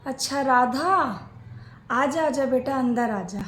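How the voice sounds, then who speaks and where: A woman's voice: high-pitched, takes it slowly, reverberant, slight background noise. A woman acting out a scripted family skit, playing both a mother-in-law and a daughter-in-law.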